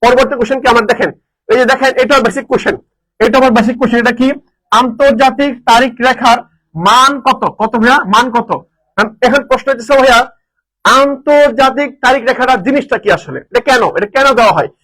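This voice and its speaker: A man teaching a live online lesson, energetic, repeating answers and quizzing his students. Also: very high voice, quick pace, low-quality recording. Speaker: admission coaching teacher.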